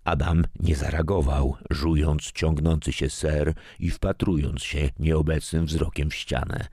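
A man with an extremely deep voice narrates a story in a calm, measured way. He reads slowly and deliberately. The sound is dry and close, with no room echo. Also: slightly rough. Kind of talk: scripted narration.

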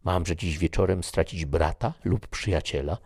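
A man voicing a jovial, talkative young nobleman who is easily moved, in an animated, exclamatory reading. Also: sits low, moderate pace, vocal fry, no echo, clean studio sound. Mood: alarmed. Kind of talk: audiobook character reading.

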